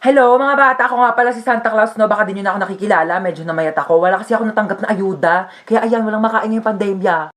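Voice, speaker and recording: A woman's voice: medium pitch, very fast, few pauses, natural voice. A woman voicing a broke, joking Santa Claus handing out gifts in a comedy skit. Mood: jokey. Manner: jokey, rambling.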